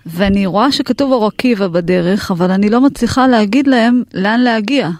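A woman guest telling her story with halting restarts, her voice rising when she quotes herself. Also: mid-range voice, a little mellow, no room sound, clean studio sound. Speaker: guest, mother. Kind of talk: emotional personal storytelling.

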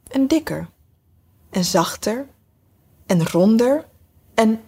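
Husky-voiced woman narrator, measured storybook reading, mid pitch. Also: a little mellow. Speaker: audiobook narrator.

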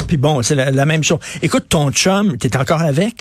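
Opinionated Quebec talk host, dry sound. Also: male voice, a little high, animated, moderate pace, no echo. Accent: Quebec French. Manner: familiar, opinionated, stacks up hesitations. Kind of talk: casual interview talk.

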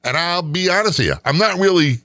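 A man's voice: high voice, expressive, fairly quick, bright, forceful tone, no room sound. A middle-aged man co-hosting a casual chat, skeptical and sarcastic, often rambling. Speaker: podcast co-host.

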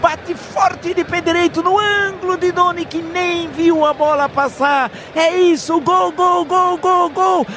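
A man performing as a fervent radio football commentator, with explosive goal commentary, drawn-out shouted calls and emphatic repetition. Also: very high-pitched, fairly even intonation, noisy background. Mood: fervent, excited. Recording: music behind the voice.

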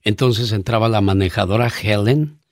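A man's voice: on the low side, no echo, studio quality. A man, a guest on an interview show, telling stories in a casual, earnest way with fillers. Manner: warm storyteller, earnest, pauses with fillers.

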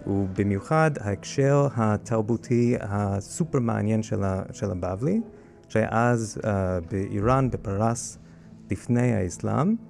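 A man with a lowish, mellow voice and a strong American English accent in Hebrew. He speaks as an interviewed curator, explaining haltingly, with restarts and a gravelly creak. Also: faint music behind. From United States. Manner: halting, with frequent hesitations and restarts. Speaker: guest curator of a library collection.

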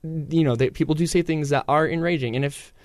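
A teenage boy on a radio panel, speaking hesitantly with many pauses and restarts. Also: fairly high pitch, no room sound. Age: teens. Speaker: teen panelist. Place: radio studio.

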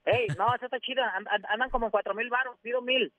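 A Mexican man calling in over the phone to a radio show, chatting casually in a relaxed, slangy way. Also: extremely high pitch, fast, no room sound. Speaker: caller. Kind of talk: casual call-in chat. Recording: tinny phone line.

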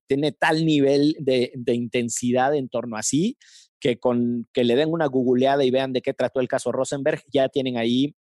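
A man with a Mexican accent telling a comic anecdote in casual chat, animated and quick to laugh. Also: medium pitch, no room sound, clean studio sound. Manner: animated, laughs often, acts out voices in anecdotes. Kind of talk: casual comedic storytelling.

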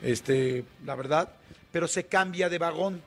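A man with a Mexican Spanish accent, a radio guest telling a story in a colloquial, animated way with many fillers. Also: on the high side, measured pace.

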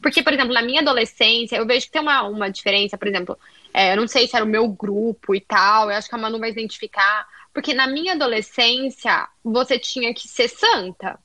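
A Brazilian woman with a high, bright voice co-hosts a casual podcast. She speaks reflectively and laughs easily, recorded close and dry with no room sound. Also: fast talker, dry recording. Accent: Brazilian Portuguese.

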